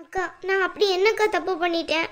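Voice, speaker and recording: A woman's voice: very high-pitched, steady tone, fairly quick. A woman voicing a remorseful younger sister in a cartoon, pleading and apologetic. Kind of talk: cartoon voice acting.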